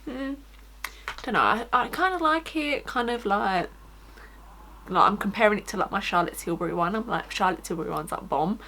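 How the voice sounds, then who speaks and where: A woman's voice: mid-range voice, normal speed, long pauses, bright, forceful tone, a little hiss or hum. Chatty woman with an Essex accent. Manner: informal, chatty, frequent "like". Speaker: beauty vlogger. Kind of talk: casual makeup tutorial chat.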